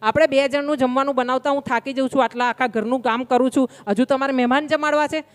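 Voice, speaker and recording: A woman's voice: sits high, steady tone, fast talker, in a large hall, voice pushed up, close to an everyday voice. A woman voicing an overworked housewife who scolds her husband in an indignant, complaining way.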